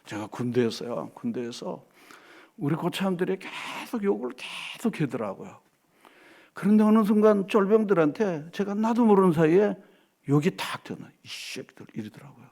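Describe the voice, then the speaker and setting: A middle-aged male pastor preaching a Sunday sermon in a church, swinging from animated delivery to soft asides and acted quotes. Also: high voice, moderate pace, vocal fry. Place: church sanctuary.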